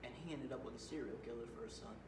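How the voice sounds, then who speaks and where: A young man performing a manic, taunting male serial killer on death row as a dramatic interpretation piece, with shouts and cackles. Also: medium pitch, racing, far from the mic, noisy background, close to an everyday voice. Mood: wry. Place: competition room. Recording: roomy hall recorded from afar.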